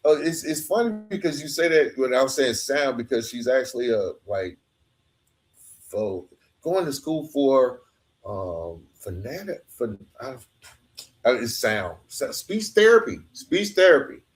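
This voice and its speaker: A podcast host with a medium-pitched, very animated voice interviews a guest at an unhurried pace. The conversation is informal, and he often turns aside to address listeners.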